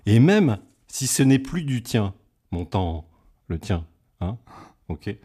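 A man's voice: on the low side, very animated, slow, dark tone, slightly rough. A man trading comic banter and reading poetic verse in a playful, self-mocking way. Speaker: comic performer.

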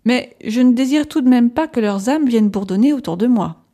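A woman's voice: a little high, fairly quick, warm tone, pitched above the performer's own voice, lightly acted. A woman reading aloud, voicing a volatile male asylum inmate who swings between scorn and pleading. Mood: dismissive. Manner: erratic, flaring into outbursts then pleading. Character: agitated middle-aged male asylum patient.

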